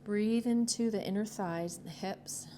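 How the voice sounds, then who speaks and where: A woman leading a yoga class with short, calm cues in a gentle, encouraging, informal way. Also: medium pitch, unhurried. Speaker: yoga instructor. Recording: clearly noisy ambient background.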